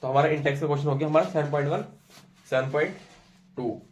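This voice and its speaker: A young man informally tutors chemistry, drilling each step, repeating answers, and getting teasing and pushy when challenged. His voice is on the high side, fast and a little mellow, with a slight hiss or hum. It's recorded from a distance in a room with noticeable echo, like an informal classroom explanation.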